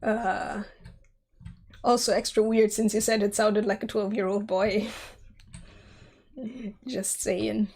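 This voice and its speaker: With a slow pace, long pauses and a steady tone, this young woman talks in a medium-pitched, slightly mellow voice with a breathy edge. She's a twenty-something streamer sculpting in 3D, giggling and chatting with viewers, her voice scratchy from a cold and sore throat.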